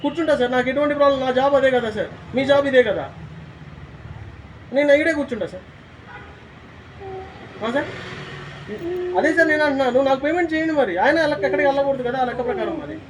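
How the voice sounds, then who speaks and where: A man's voice: extremely high pitch, quick pace, long pauses, recorded from a distance, a little hiss or hum, poor audio. A man arguing insistently as a recovery agent, repeating himself and calling the other man sir. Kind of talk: heated argument.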